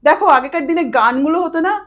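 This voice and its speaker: A woman with a fairly high, hoarse voice from a long day of talking, recorded on a podcast mic. She explains in a lively, expressive way and swings between a bright, emphatic tone and a slow, hushed murmur. Her delivery stays conversational and earnest throughout. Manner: explains animatedly, drops to a slow soft voice when showing trance speech. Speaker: past life regression practitioner. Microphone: podcast studio mic.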